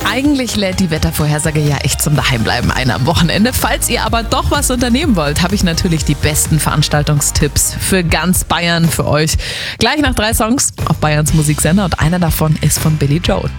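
A woman's voice: sits low, big pitch swings, a little fast. A woman presenting the weather and the afternoon show on the radio, chatting directly to listeners. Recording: radio broadcast with faint music.

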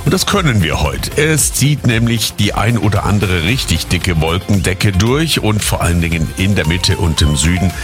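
A man's voice: sits low, expressive, normal speed, few pauses, over music. A man presenting a radio weather forecast in a casual, conversational way.

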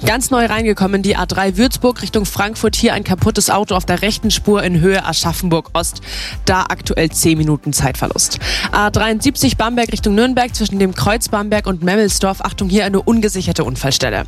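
A woman reporter reading a brisk, friendly traffic update on the radio. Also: mid-range voice, soft background music.

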